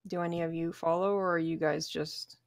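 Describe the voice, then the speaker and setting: A woman acting as game master, narrating a tabletop game in a halting, conversational way. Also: low voice, level tone, gravelly, no room sound, studio quality.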